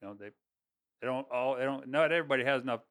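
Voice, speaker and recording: A man's voice: mid-range voice, very fast, fairly bright tone. A man speaking as an interview guest about his work, rambling with frequent restarts and easy laughter. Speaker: guest, construction and plant project worker. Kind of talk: casual conversational interview.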